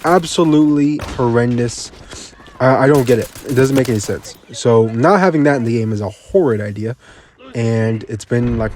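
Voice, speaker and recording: A man's voice: medium pitch, a little mellow, slight background noise. A man giving casual gaming commentary, ranting bluntly and repeating himself, a bit tired, with faint game sounds behind him.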